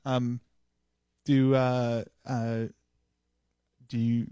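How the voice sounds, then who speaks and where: A man's voice: mid-range voice, flat delivery, very slow, mellow, clear, resonant tone, no room sound. A man hosting a casual chat, hesitant, with lots of ums and restarts.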